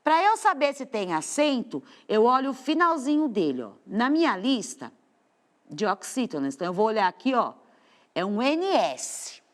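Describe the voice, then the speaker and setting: A woman's voice: a little high, very animated, normal speed. A Brazilian woman teacher giving a studio lesson to children, explaining patiently and stretching out the stressed words. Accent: Brazilian Portuguese.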